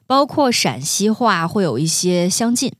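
A woman's voice: medium pitch, big pitch swings, unhurried, no room sound. A woman from Xinjiang co-hosting a casual podcast, explaining things with a trained broadcaster's delivery. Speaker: podcast co-host. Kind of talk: casual chat.

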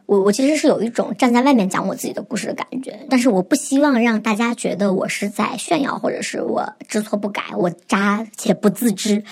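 A woman's voice: a little high, a little mellow. A woman in her twenties, speaking through a voice-changer, telling her own story frankly and sometimes dropping to a whisper. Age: 20s. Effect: voice-changer disguise. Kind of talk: candid personal storytelling.

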